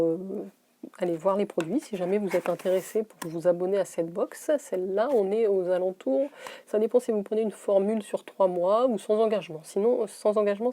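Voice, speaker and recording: Woman, chatty beauty vlogger, mellow warm tone, laughs to herself. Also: mid-range voice, slight background noise. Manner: slows to read labels, drops to a whisper on names. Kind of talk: casual unboxing chat.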